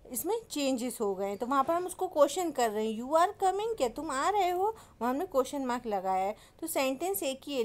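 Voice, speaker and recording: High-voiced woman teaching. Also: darkish tone. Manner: explains step by step, repeats definitions, reads English lines slowly. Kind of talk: exam-prep lesson in Hindi-English mix.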